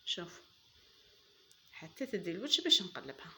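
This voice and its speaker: Hosting a cooking channel, a woman with an Algerian Arabic accent walks viewers through a recipe as she works, calling them "girls" and praising things enthusiastically. Her voice is on the low side, pushed and bright, with big pitch swings and a fairly quick pace.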